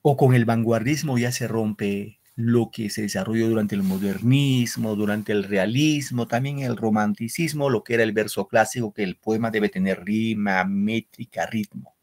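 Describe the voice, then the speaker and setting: A man's voice: fairly low pitch, fairly even intonation, moderate pace, few pauses, darkish tone. A man teaching a secondary school literature class over a video call. He explains step by step, quizzes his students and tags his sentences with "no?". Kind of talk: online class lecture.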